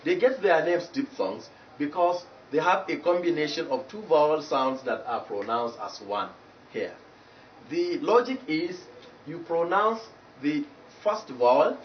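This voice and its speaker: A man with a Nigerian English accent teaching English pronunciation in a TV lesson, slowly repeating each example word. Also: on the high side. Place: TV studio. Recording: roomy echo, distant mic, dull lo-fi sound, faint noise.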